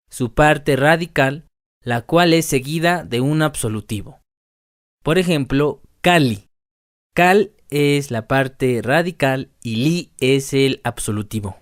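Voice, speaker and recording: A man narrating a scripted language lesson, reading word lists slowly and deliberately. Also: medium pitch, expressive, no echo, clean studio sound. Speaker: language teacher.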